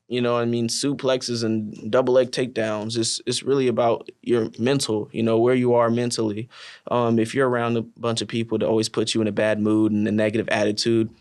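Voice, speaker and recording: A young man, a college wrestler and team captain, chatting casually in an interview with many "you know" fillers and lively storytelling. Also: medium pitch. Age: young adult. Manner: relaxed, many fillers like "you know", animated when telling stories.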